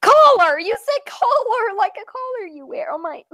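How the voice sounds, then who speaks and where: A woman streaming casual chat and reading creepy stories aloud, playful and interrupting, dropping soft for spooky lines. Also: very high voice, very animated, normal speed, low-quality recording.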